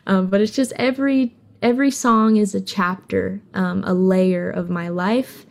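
A young woman from Hawaii, a singer being interviewed, talking openly and earnestly in a casual, soft-spoken way. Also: medium pitch, steady tone, measured pace, vocal fry. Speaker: singer guest.

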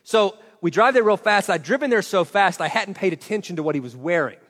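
A high-voiced man in his forties tells a story from the stage, acting out every line of dialogue with self-mocking animation. His voice rings out with a long reverb through a large hall. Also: animated, brisk, a bit bright. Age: 40s. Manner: acts out quoted dialogue expressively, self-mocking.

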